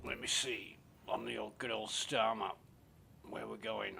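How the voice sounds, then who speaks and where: A man's voice: on the low side, steady tone, measured pace, vocal fry, bright, forceful tone, a little hiss or hum. A male streamer grumbling and swearing to himself while giving casual commentary on his gameplay. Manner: talks to himself while playing. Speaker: game streamer.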